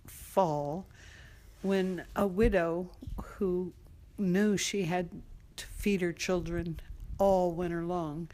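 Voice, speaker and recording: A woman telling a remembered folk tale in an unhurried, repetitive oral storytelling manner. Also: fairly low pitch, a little mellow. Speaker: storyteller, interviewee.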